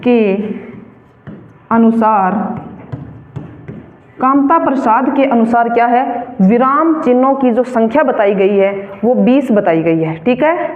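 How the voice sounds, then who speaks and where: A woman teacher giving a classroom grammar lesson, dictating slowly and repeating phrases so students can write them down. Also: fairly high pitch. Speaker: school teacher. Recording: echoey classroom on a tinny phone mic.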